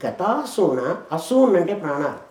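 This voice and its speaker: A woman teaching scripture, explaining verses with rhetorical questions and chanting them slowly. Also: on the low side, very animated, a little mellow, reverberant. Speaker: spiritual teacher. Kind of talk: scripture lesson.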